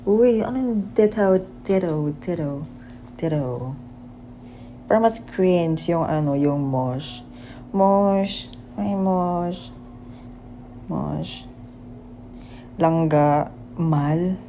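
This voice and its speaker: A young man, chatting on a livestream in an unhurried, playful way. His voice is soft and mellow. He mixes Tagalog with English and keeps laughing at himself. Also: a little high, slight background noise, low-quality recording. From Philippines. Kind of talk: casual livestream chat.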